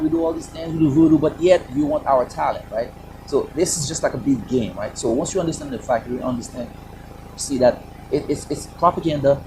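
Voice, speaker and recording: A Haitian-accented man, an Air Force operations director, serves as a panelist in a virtual panel over video call. He speaks in a fairly high voice, passionate and emphatic, leaning on rhetorical questions, with noise in the background.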